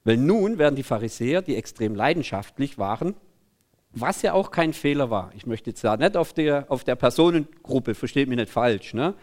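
A man preaching a sermon in an animated, conversational way, often breaking in with 'hey'. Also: medium pitch, moderate pace.

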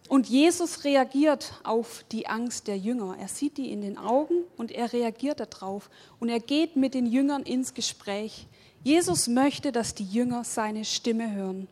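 Slow, emphatic woman preaching. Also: a little high, a little mellow. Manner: slow, emphatic, repeats phrases in lists; addresses listeners directly with questions. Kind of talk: sermon.

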